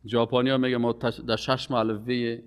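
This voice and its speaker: A man giving an emphatic religious lecture, his voice rising on key words and dropping low. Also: flat delivery, clean tone. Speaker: Quran teacher. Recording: long hall reverb.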